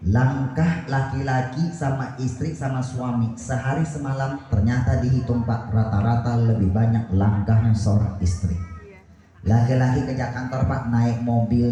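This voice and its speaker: A man with an Indonesian accent preaching a lively sermon with jokes, constantly questioning the audience and swinging between soft and loud. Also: mid-range voice. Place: small prayer hall. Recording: very echoey prayer hall with music.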